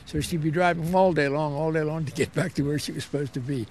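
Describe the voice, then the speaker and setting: Elderly American veteran remembering, higher-pitched voice. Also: male voice, steady tone, darkish tone, slight background noise. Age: 80s or older. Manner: old veteran remembering, unhurried storytelling with repetition for emphasis. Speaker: war veteran interviewee. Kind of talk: reminiscing in an interview.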